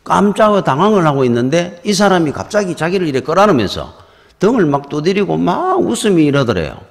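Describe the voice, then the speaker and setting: A man's voice: on the high side, fast talker, gravelly. A middle-aged man with a Gyeongsang accent, a pastor telling stories in a conversational sermon in a church. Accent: Gyeongsang Korean. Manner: storytelling, conversational and lively. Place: church sanctuary. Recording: reverberant church hall.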